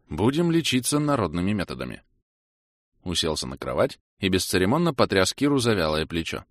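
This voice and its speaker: A man narrating a first-person audiobook in a steady, matter-of-fact way. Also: deep voice, no room sound, studio quality.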